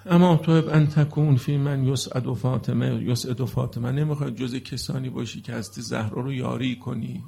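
A man's voice: mid-range voice, steady tone, vocal fry, hardly any pauses, warm tone, breathy edge. A middle-aged man preaching a religious sermon to a seated congregation, moving from earnest explanation into mournful lament.

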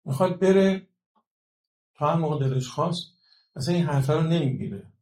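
A man's voice: a little high, a little mellow, echoey room, slight background noise. A man giving a religious talk on education, explaining points and checking in with rhetorical questions to his listeners. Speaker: religious lecturer.

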